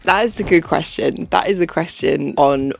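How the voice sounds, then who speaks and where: A woman's voice: low voice, moderate pace, gravelly, no room sound, soft background music. A woman, talking through her life story in a rambling, self-mocking vlog at home. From England (Essex). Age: late 20s. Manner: chatty, rambling, self-mocking with frequent restarts. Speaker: vlogger. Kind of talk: casual confessional vlog. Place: bedroom at home.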